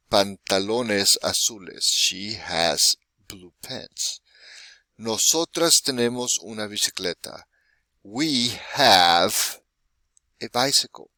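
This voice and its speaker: A man's voice: on the low side, bright, forceful tone, no echo. A man in his forties teaching a Spanish lesson, patient and often checking in with "right?". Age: 40s. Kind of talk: recorded classroom lesson.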